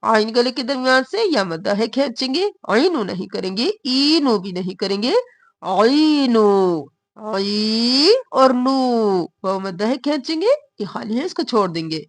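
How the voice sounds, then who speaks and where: A woman teaching Quran recitation rules. She draws the recited words out slowly and explains each sound in quick, short phrases. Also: on the high side, lively intonation, no room sound. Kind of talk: slow recitation and explanation lesson.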